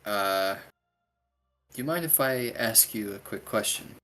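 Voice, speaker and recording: Man doing polite male adventurer, formal, deferential, low voice, unhurried. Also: animated, bright, forceful tone, soft background music.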